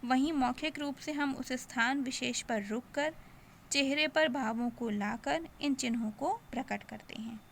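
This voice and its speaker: A young woman teaching a grammar lesson, explaining slowly and posing questions that she answers herself. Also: a little high, creaky, a bit bright, slight background noise. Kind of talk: online Hindi grammar lesson.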